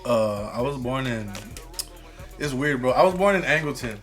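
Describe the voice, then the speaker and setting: Texas rapper dude chilling on a podcast, slangy and joking, music going in the back. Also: male voice, mid-range voice, animated, normal speed, a bit bright. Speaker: rapper guest. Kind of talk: casual chat. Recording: music clearly audible behind.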